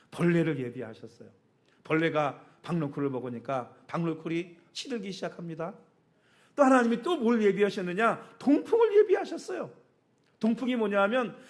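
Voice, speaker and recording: A woman's voice: mid-range voice, darkish tone. A woman pastor delivering a sermon as vivid storytelling. She uses sound words, asks the congregation questions and often laughs as she speaks. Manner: laughs often while preaching.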